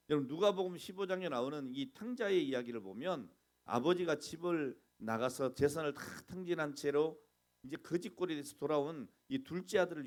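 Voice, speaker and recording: A middle-aged man preaching a sermon as pastor, animated, asking the congregation questions and acting out complaints. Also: on the high side.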